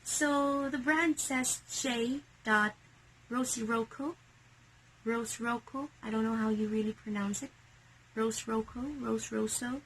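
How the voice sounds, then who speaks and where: A Filipino woman in a casual vlog, showing and selling secondhand bags in a hushed, half-whispered voice. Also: fairly high pitch, a little hiss or hum, poor audio. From Philippines.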